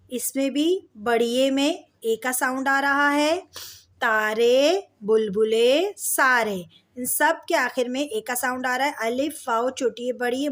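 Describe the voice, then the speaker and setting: A woman teaching a slow alphabet lesson, patiently stretching out each example word for her pupils. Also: high voice. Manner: patient, drawn-out words for pupils. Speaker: Urdu teacher.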